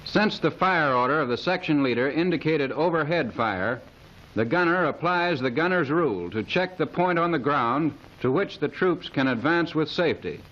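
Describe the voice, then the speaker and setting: Reading scripted military instructional narration, a man speaks formally and precisely in the manner of a 1930s training film. His slightly high voice is expressive and a bit bright, at normal speed. The audio is a dull, hissy 1930s film soundtrack.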